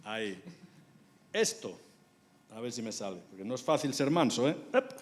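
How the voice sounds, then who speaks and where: A man's voice: medium pitch, big pitch swings, normal speed. A man preaching a sermon in a church, telling personal stories and shifting between near-whispers and raised, emphatic phrases. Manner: storytelling, swings from hushed whispers to raised emphatic lines. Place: large church hall. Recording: reverberant church hall.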